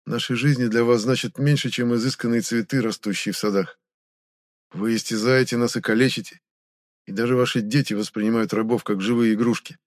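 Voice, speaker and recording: Brief: vengeful former slave, speaks low and even, unmoved, read by a man. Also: a little fast, dry recording, studio quality, natural voice. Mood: cold. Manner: quiet, flat and detached. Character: calm cold half-blood male slave, vengeful.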